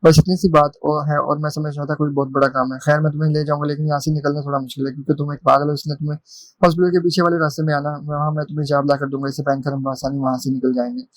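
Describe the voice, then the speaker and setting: A man's voice: on the high side, flat delivery, very fast, dry recording, lightly acted. A man voicing a cocky young man who keeps teasing a girl, in a storybook reading.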